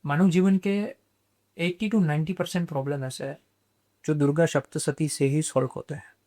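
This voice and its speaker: A man, a guest on a podcast, explaining spiritual practice in a measured way and dropping English terms into his talk. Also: a little high, fairly even intonation, a little mellow.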